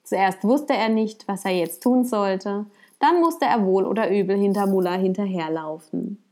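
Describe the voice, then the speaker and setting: A woman narrating a folk tale in a calm, measured way. Her voice sits at an ordinary middle pitch. She finishes with a gentle reflection spoken to the listener. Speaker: storyteller. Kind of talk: storytelling narration.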